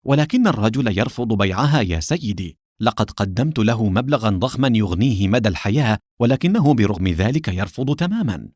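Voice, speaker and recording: A man's voice: fairly low pitch, expressive, fairly quick, a little mellow, dry recording, studio quality. A man narrating an audiobook voices a young woman secretary who acts confused. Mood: flustered. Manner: flustered.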